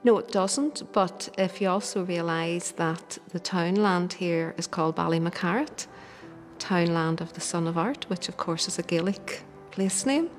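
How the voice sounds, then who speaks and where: A woman's voice: on the low side, unhurried, faint music behind. A woman explaining something conversationally in an interview.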